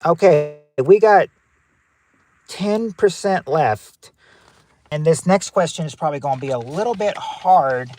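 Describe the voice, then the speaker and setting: A man's voice: a little high, lively intonation, measured pace, darkish tone, a little hiss or hum. A man hosting a casual family game show on a livestream, reading out answers and greeting viewers by name from his parked car.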